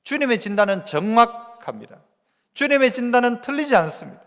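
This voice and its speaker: A man's voice: very high voice, big pitch swings, fairly quick, fairly bright tone. A male pastor with a Gyeongsang accent preaching a sermon in church, asking the congregation rhetorical questions. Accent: Gyeongsang Korean. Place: church sanctuary. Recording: long church reverb.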